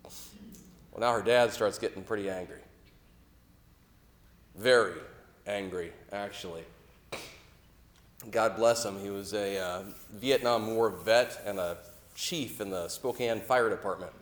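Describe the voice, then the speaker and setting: A man's voice: on the low side, slow, long pauses, reverberant. A middle-aged man telling a story in a sermon, talking conversationally and asking the listeners questions. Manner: conversational, asks the listeners questions, grows loud when quoting anger. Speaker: preacher.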